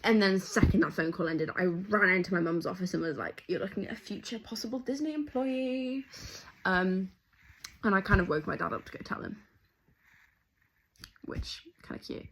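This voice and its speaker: A young woman from England chatting excitedly in a casual video diary, rambling with lots of fillers and restarts. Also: on the low side, normal speed, long pauses, rough recording. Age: young adult. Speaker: vlogger.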